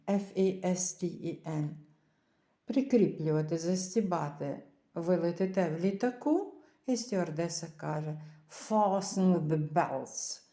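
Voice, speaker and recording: Woman teacher, slow careful lesson, spells words letter by letter, echoey room. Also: on the low side, mellow. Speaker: English teacher.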